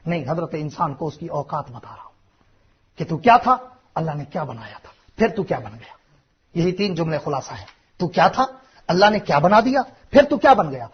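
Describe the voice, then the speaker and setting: A man preaching an impassioned sermon in a repetitive, rhetorical style. He swings between hushed, low passages and loud, shouting peaks. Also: husky. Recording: dull lo-fi sermon recording.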